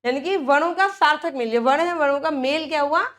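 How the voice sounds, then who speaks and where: High-voiced woman teaching small children. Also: fairly bright tone. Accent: Hindi. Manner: slow, repeats each word for children; frequent checks with "ठीक है". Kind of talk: children's grammar lesson.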